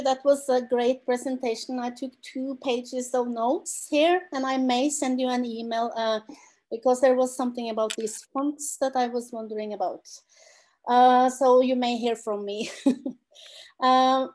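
High-voiced upbeat woman on a call. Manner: upbeat, pleading lightly. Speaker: design course teacher. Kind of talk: networking announcement on a video call. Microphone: video call.

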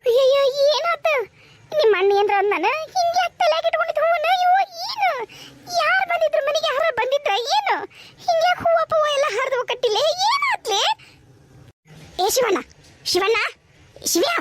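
A woman's voice: very high voice, animated, normal speed, long pauses, no echo. A woman voicing an anxious, scolding village mother in a cartoon, speaking with a North Karnataka Kannada accent. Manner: loud, scolding, fussing questions. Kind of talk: cartoon voice acting.

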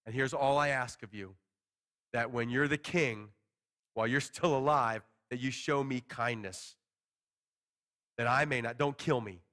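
A man's voice: mid-range voice, a little slow, long pauses. A man in his forties preaching to a small congregation from a church stage, teaching conversationally and paraphrasing scripture in everyday words. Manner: conversational, animated hand gestures, paraphrases scripture casually. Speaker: pastor. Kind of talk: expository sermon.

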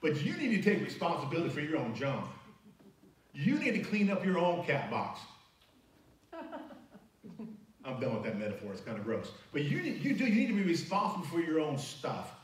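Lively emphatic preacher man in echoey church. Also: fairly high pitch, normal speed, pauses often, a little hiss or hum. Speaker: pastor. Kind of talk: sermon. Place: church sanctuary. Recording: very echoey church hall, mic at a distance.

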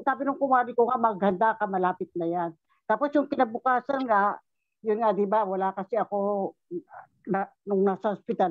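A woman sharing a personal story in an online Bible study, halting and repeating herself, often quoting what others said. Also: medium pitch, dry recording. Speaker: church member sharing testimony. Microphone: video call. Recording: tinny phone-like call audio.

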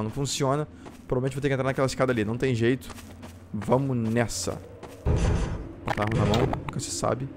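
A man with a Brazilian Portuguese accent giving let's-play commentary, jumpy and quick to yelp and swear when startled. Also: medium pitch, heavy background noise. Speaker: gameplay streamer.

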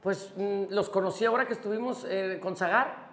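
A man's voice: high voice, moderate pace, reverberant, a little hiss or hum. A man from Monterrey, a grupera singer telling a funny story in a casual interview, acting out voices and swearing freely. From Monterrey, Mexico. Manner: animated anecdote-telling, acts out voices, swears often.

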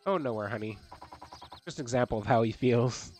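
A man reading the lines of a tired, gentle mother in a video game, softly and a little lower than his usual talk. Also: a little fast, a little hiss or hum, close to an everyday voice. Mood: weary. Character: tired, gentle mother of a family that just moved.

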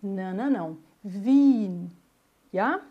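A woman gives a pronunciation lesson, sounding each example word out slowly and repeating it. Her voice sits a little high, with a soft, mellow tone. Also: animated, dull audio. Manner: models words slowly, repeats them. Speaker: German teacher.

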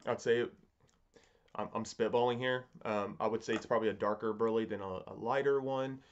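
A man's voice: on the low side, fairly even intonation. Musing man, slightly dull recording. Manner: halting and musing, repeats and rephrases himself. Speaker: pipe tobacco reviewer. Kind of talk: casual, unscripted product review. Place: home study, indoors.

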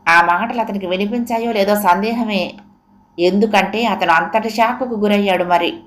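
Woman narrator for a family audio story; steady, measured delivery, mid pitch.

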